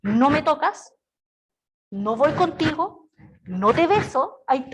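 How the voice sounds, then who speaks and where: A middle-aged woman with a Chilean accent teaching an online class in a chatty way, often checking in with her students. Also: sits high. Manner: lively, chatty, asks "¿ya?" and "¿cierto?" often. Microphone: video call.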